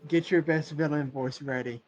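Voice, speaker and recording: Male game streamer, informal chat, a little high in pitch, prominent music underneath. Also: steady tone, moderate pace, highs cut off. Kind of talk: casual gaming chat. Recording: loud music behind the voice.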